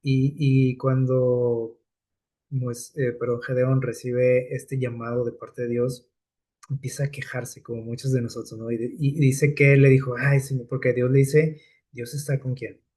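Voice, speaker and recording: A man's voice: mid-range voice, level tone, a little slow, dark tone. A man preaching a sermon in a conversational way, often checking in with "¿sí?" and "¿no?", with hesitant fillers and repeated words. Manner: conversational preaching with frequent rhetorical "¿sí?" and "¿no?".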